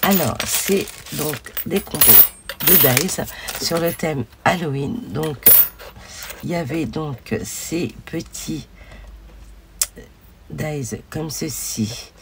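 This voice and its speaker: A hoarse woman hosting a casual crafting video, chatting along with many fillers as she shows her pieces. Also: low-pitched, takes it slowly, pauses often, background noise.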